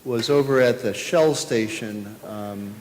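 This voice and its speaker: A man's voice: fairly low pitch, slow. Folksy guy telling church jokes, rambly, big hall echo. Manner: rambling, folksy, with fillers and restarts. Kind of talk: joke telling to a congregation. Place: church sanctuary. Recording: long church reverb.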